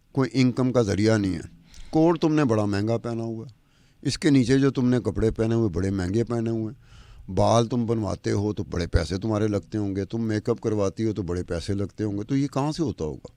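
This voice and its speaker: A man's voice: mid-range voice, dark tone, dry recording. A man, a podcast commentator talking across from a woman anchor, stacking up rhetorical questions in an argumentative way.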